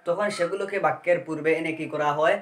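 Male tutor, patient step-by-step explainer, slightly high voice, roomy echo. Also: steady tone, fairly bright tone, slight background noise. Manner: explains step by step, asks rhetorical questions and answers them; reads example sentences slowly word by word. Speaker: English grammar teacher. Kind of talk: Bengali-language grammar lesson.

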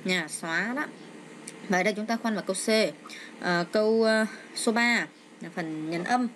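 A woman's voice: mid-range voice, moderate pace, fairly bright tone. Hesitant woman teacher in a noisy room. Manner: explains step by step with frequent hesitant fillers. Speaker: English teacher. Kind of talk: exam walkthrough lesson. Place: home with a child nearby. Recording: noisy home recording.

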